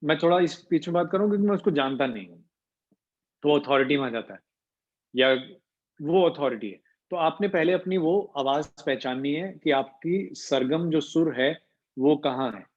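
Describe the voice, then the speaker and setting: A man leads a voice training class, moving between Hindi and English. His voice sits a little high, and he hums to show how pitch moves. The sound is muffled and lo-fi, like a video call. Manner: mixes Hindi with English, demonstrates pitch with hums and slow pauses. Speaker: voice coach.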